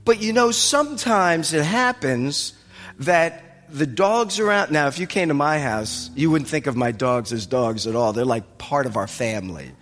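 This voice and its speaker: A man preaching a sermon as pastor of a congregation, talking expressively and lifting his voice as he retells scenes. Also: normal speed. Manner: expressive, rises in pitch when retelling scenes. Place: congregation worship hall. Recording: reverberant hall with faint music.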